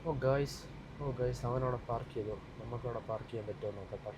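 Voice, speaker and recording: A young Malayali man vlogs while driving, talking fast in a medium-pitched voice over a noisy background. He chats casually with viewers, tossing English words and slang into his speech and addressing them again and again in an informal way.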